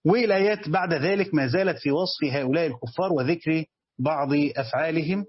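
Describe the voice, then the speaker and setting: Egyptian guy teaching a religious lesson, talks fast, kinda husky, dull lo-fi sound. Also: on the high side, no echo. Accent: Egyptian Arabic. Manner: reads text aloud then explains it in colloquial speech. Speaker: teacher giving a tafsir commentary.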